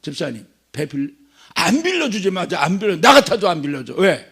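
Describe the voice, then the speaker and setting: Man preaching in a church; husky and gravelly, jokes his way through an animated sermon. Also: sits high, fairly quick. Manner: joking, animated storytelling. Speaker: guest preacher at a revival meeting.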